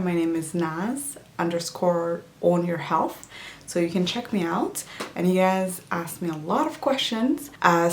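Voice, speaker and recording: With a lowish voice and slight background noise in an echoey room, a relaxed Djiboutian vlogger talks health and nutrition in a casual Q&A. English isn't her first language, and her chatty delivery is full of fillers and restarts.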